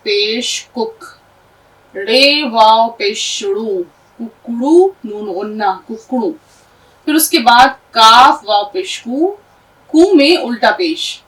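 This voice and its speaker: A woman's voice: a little high, a bit bright, recorded from a distance, low-quality recording. A woman teaching an Urdu lesson, patiently spelling words letter by letter and asking her class questions.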